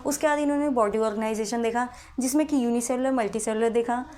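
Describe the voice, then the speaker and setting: A woman's voice: a little high, fast talker, mellow. Woman teacher explaining biology to students. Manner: explains step by step, calls students "beta", asks them questions. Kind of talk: Hindi-English classroom lecture.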